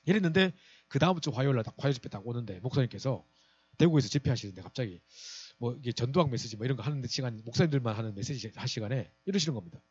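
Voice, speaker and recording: A man's voice: medium pitch, expressive, fast, breathy edge, highs cut off. A man in his forties, a pastor giving an evangelism lecture and telling a personal story, acting out the people he quotes. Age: 40s.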